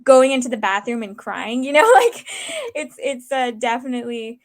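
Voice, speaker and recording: Earnest woman in her 20s from the uae, guest on an interview, halting, thinks out loud. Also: on the high side. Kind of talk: casual interview.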